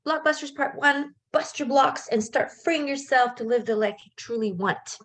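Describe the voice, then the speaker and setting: This middle-aged woman's voice sits high, with a fairly bright tone and normal speed. Born in Canada and raised in France, she is a life coach running a casual live webinar. She keeps it chatty and upbeat, full of fillers and asides.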